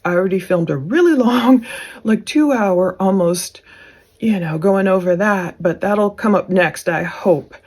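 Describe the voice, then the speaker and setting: A woman's voice: mid-range voice, unhurried, a little mellow, husky. A woman giving casual, conversational commentary on case documents, with speculative asides, as a true crime commentator.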